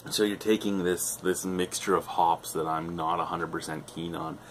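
A middle-aged man reviews a beer on camera in his living room for a casual vlog, rambling enthusiastically and swearing freely. His low voice has fairly even intonation at normal speed, with slight background noise.

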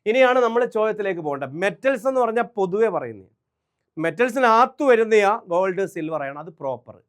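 A man's voice: high voice, big pitch swings, a little fast. A man teaching English grammar for an exam, quizzing students and answering his own questions with emphasis. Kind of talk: exam-prep lesson.

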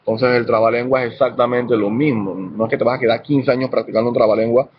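A man's voice: medium pitch, fairly even intonation, quick pace, slightly rough. A man teaching urban music technique in a casual video lesson, laying out his points in numbered steps. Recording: slightly dull lo-fi sound with faint noise.

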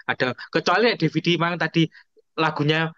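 A man's voice: on the high side, steady tone, brisk, pushed and bright, no echo. A young man in casual, teasing chat, half-singing song snippets. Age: young adult. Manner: joking, teasing, half-singing snippets, slips between Indonesian and Javanese. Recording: slightly dull lo-fi recording.

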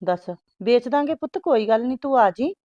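An older woman acting a gentle, affectionate mother-in-law in a family drama. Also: fairly high pitch, expressive, brisk, no room sound, muffled recording. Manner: soft, affectionate.

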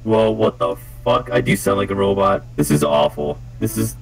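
A young video maker sits at his computer indoors, running his voice through a headset voice changer with shifting presets while he jokes around and swears freely. He's excitable, giggly, and prone to blurting, with a lowish voice at a moderate pace, and the recording quality is low.

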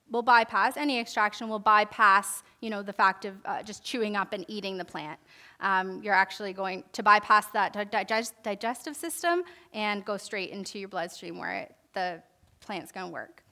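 The herbalism class presenter, a young woman on a church hall stage, teaches informally in a large indoor room, moving from reading notes to a demonstration with plenty of fillers and restarts. Her medium-pitched voice sounds pushed and bright.

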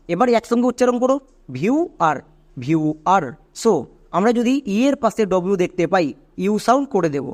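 Man, high voice, patient phonics teacher, spells out letters, asks if you got it. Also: a little mellow. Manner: checks understanding with quick questions. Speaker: English pronunciation teacher. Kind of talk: online phonics lesson.

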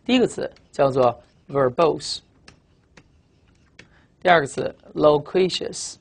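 A male teacher giving a vocabulary lecture, explaining word roots and repeating key phrases so students remember them, and reading the English words out slowly. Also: on the high side, creaky.

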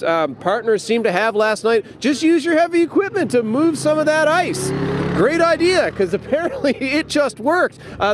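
A male field reporter in his thirties, speaking live on the news from an outdoor harbour. He holds a handheld mic and talks with an energetic, animated delivery in a fairly high voice. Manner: energetic, gestures while talking.

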